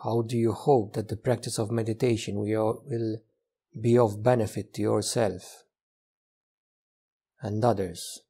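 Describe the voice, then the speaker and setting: Leading a guided meditation, a man speaks gently and without hurry in brief phrases, pausing at length. His voice sits on the low side, with fairly even intonation and a breathy edge.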